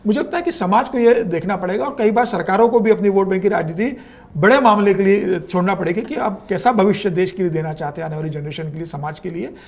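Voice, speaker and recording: Middle-aged journalist, a man, high voice, emphatic panel opinions. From Madhya Pradesh, India. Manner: emphatic, opinionated, quick to agree. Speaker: senior journalist. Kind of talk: panel discussion.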